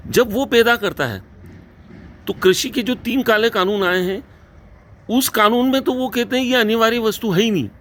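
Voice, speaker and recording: A man's voice: high-pitched, normal speed, fairly bright tone, slight background noise. A man hosting a political discussion, firing rhetorical, pointed questions at his guest.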